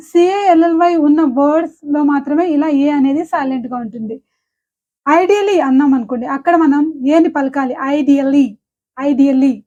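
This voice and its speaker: A woman with a Telugu accent gives an English pronunciation lesson in a high, light voice. She says each example word slowly and clearly, often more than once, and goes through them one by one. The recording sounds slightly dull and lo-fi. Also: darkish tone. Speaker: English teacher.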